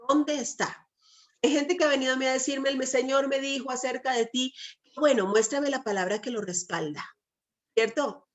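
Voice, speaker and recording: A woman preaching a sermon who keeps turning to her listeners with rhetorical questions and quotes scripture in a coaxing tone. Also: fairly high pitch. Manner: asks the audience frequent rhetorical questions.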